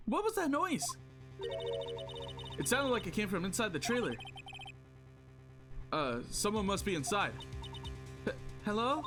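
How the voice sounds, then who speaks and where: A man reads as a spunky young woman from a game, high and squeaky, her pitch bouncing all over. She stammers in her eagerness. His delivery is slow and drawn out between bursts. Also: heavily acted. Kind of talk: reading game dialogue aloud.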